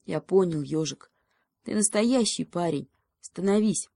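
Woman voicing a young boy beaver, loyal, pleading, heartfelt, warm mellow voice. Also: on the low side, measured pace, creaky, dry recording, clean studio sound. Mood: tender, pleading. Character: young male beaver, tender loyal friend.

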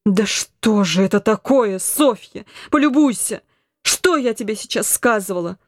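A woman reading an audiobook, voicing a weary old noble mother who slowly laments her family's troubles. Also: medium pitch, animated, no echo, clean studio sound. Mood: exasperated. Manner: mournful, slow complaining.

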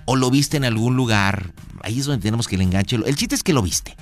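A man's voice: mid-range voice, a little fast, soft background music. A man with a Mexican accent hosting a radio prank show, playful and teasing, full of slang. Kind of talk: joking radio chat with a caller.

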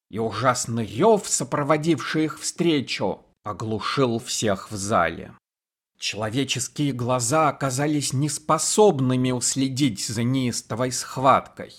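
Man, audiobook narrator, steady scripted reading, mid pitch.

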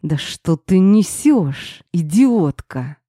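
A woman's voice: sits low, expressive, measured pace, mellow, dry recording, studio quality. A woman voicing a rude, domineering man, her ex-husband, barking orders with contempt. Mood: snarling.

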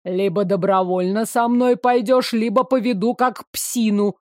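A woman voicing a gruff, mocking male city guard who talks slowly and tauntingly. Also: medium pitch, steady tone, a little mellow, no echo, studio quality, lightly acted. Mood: sneering. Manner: sneering, slow and taunting.

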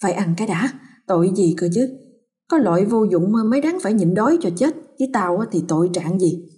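A woman's voice: mid-range voice, lively intonation, a little fast, mellow, natural voice. A woman voicing a cruel, scheming old mother who wails and snarls in a storybook tale. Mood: scornful. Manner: wailing, then snarling and spiteful.

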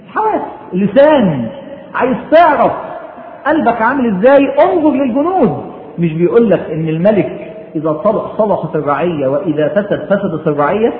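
In colloquial speech with an Egyptian Arabic accent, a high-voiced man preaches a religious sermon, urging listeners on with emphatic rhetorical questions and recited quotations. The audio is tinny and phone-like, with an echoey room and noise.

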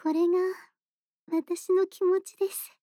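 A woman's voice: very high voice, flat delivery, a little slow, mellow, no echo, clean studio sound. A woman playing a shy, earnest young friend in an intimate bedtime role-play, speaking politely and thoughtfully with some hesitation. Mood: shy, tender.

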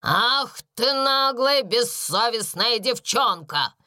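Woman voicing a furious schoolmistress, storybook, loud slow scolding, harsh, animated pitch. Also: dry recording, clean studio sound, full character voice.

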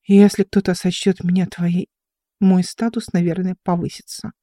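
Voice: medium pitch, flat delivery, normal speed, mellow, no room sound, studio quality, close to an everyday voice. A reader voicing a stubborn, devoted young servant girl who speaks earnestly.

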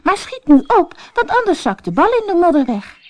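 A woman voicing a spoiled, impatient young princess in a storybook reading, shrill and petulant, often sobbing. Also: big pitch swings, moderate pace.

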